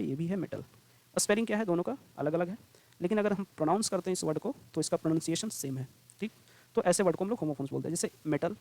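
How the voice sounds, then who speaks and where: Male vocabulary tutor, quick delivery, explaining eagerly. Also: sits high. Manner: repeats "ठीक है" and "right" as check-ins, quick and energetic; reads English definitions slowly and deliberately. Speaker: English vocabulary teacher. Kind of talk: explanatory classroom lesson.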